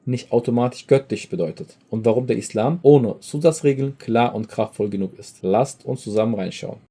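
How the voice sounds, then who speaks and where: A man's voice: medium pitch, moderate pace, warm tone, slight background noise. A man presenting a scripted explainer video in a conversational, argumentative manner with frequent rhetorical questions. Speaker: YouTube presenter.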